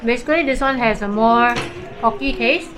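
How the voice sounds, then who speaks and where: Chatty, high-voiced woman vlogging a trip. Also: moderate pace, fairly bright tone, a little hiss or hum, low-quality recording. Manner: chatty, explains things with fillers like "so" and "like". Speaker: travel vlogger. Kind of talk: casual travel vlog narration.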